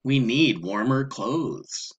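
A man voicing a level-headed, bookish young boy in a storybook reading, practical and steady. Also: mid-range voice, takes it slowly, breathy edge, lo-fi sound.

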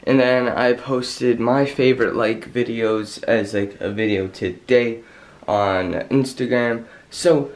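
A man's voice: mid-range voice, steady tone, takes it slowly. Rambling young man vlogging casually. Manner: rambling, hesitant, peppers talk with "like". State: slightly sick with a cold. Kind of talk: casual vlog chat. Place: small bedroom at home, indoors. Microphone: handheld camera at arm's length.

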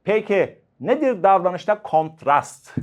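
A man's voice: sits high, lively intonation, slow pace, lo-fi sound. A man teaching an exam-prep lecture, asking and answering his own questions with jokey asides.

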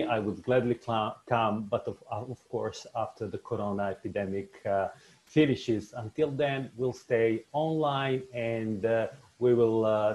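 A man in his forties from Serbia, speaking English with a Serbian accent, gives a webinar lecture to fellow doctors over a video call from a small home office, unhurried and full of filler sounds and restarts. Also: on the low side, darkish tone. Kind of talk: online lecture to colleagues. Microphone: video call, webcam.

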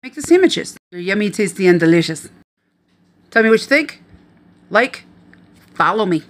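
With a mid-range voice and a moderate pace, a middle-aged woman from the Midwest talks viewers through a home cooking video. She's a retired professional chef holding her phone close in the kitchen, and she sounds chatty, animated and instructive.

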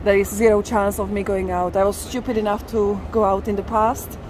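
Strolling outdoors on a busy city street, a woman vlogger narrates her walking tour live, casual and emphatic. She speaks a little fast in a medium-pitched voice with little pitch movement, over street noise, traffic and passing vehicles.

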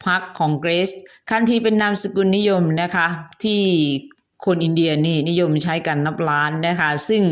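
A woman's voice: lowish voice, normal speed. A woman host narrating a history story in a chatty, polite way, adding asides and courteous particles.

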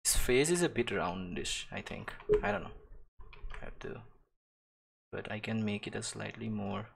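Guy live streaming his drawing, kinda low voice, rambles and mumbles to himself, laughs a lot. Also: normal speed, gravelly, husky. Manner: rambling, self-interrupting, laughs and swears often; drifts into quiet mumbling to himself while working. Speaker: digital artist streaming. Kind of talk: casual live-stream chatter while drawing.

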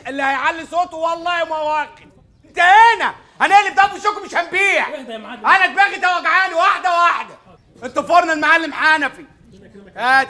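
Brief: a curt Egyptian baker's hand, very high pitched and sharp, quick talker. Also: male voice, exaggerated voice. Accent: Egyptian Arabic. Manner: curt and scolding. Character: harried, gruff bakery man selling bread. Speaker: bakery worker.

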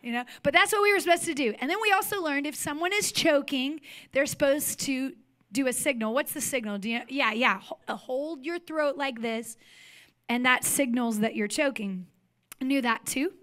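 A woman's voice: high voice, normal speed, a bit bright. A woman pastor preaching a sermon in a church, telling a story expressively and acting out the scenes. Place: church sanctuary.

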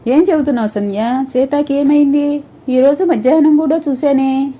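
A woman's voice: high voice, steady tone, mellow, voice pushed up, close to an everyday voice. A woman voicing a caring young woman who is anxious and in a rush. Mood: alarmed. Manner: hurried, anxious questioning.

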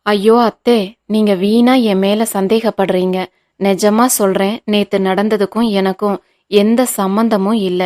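A woman's voice: medium pitch, steady tone, unhurried, a little mellow, natural voice. A woman voicing a scheming young daughter-in-law who pleads with feigned innocence, in an audiobook reading. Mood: pleading.

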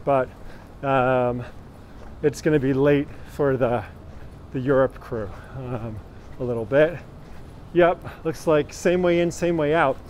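Strolling down a city street, this tour guide in his thirties chats to his live-stream audience and calls out viewers by name. His mid-range voice has a darkish tone, and he speaks slowly with frequent pauses. Street traffic carries over the phone he holds at arm's length while walking.

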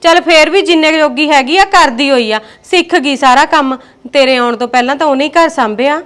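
An actress playing a gentle, patient village mother-in-law who soothes and placates her daughters-in-law. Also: sits high, brisk, soft background music.

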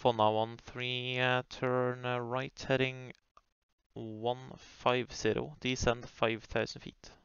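A man's voice: mid-range voice, little pitch movement, takes it slowly, gravelly, fairly bright tone, clear, resonant tone, dry recording. A man working as an air traffic controller, giving clipped, polite procedural calls over the radio. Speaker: air traffic controller on a flight simulation network. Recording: muffled lo-fi radio audio.

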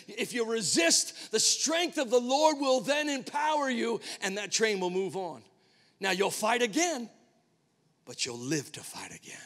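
A male pastor preaching a sermon, telling a personal story with dramatic swings between hushed and emphatic delivery. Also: high-pitched, in a large hall. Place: church sanctuary.

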